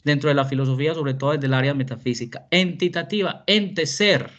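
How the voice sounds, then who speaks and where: A man teaching a philosophy class over a video call, explaining slowly and checking in often with the students. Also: a little high, a bit bright, lo-fi sound. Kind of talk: online class lecture.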